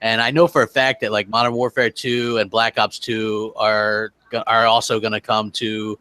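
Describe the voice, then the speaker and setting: A man co-hosting a casual gaming podcast chat, animated and fond of mimicking others. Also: on the low side, normal speed, clean tone, dry recording. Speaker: co-host.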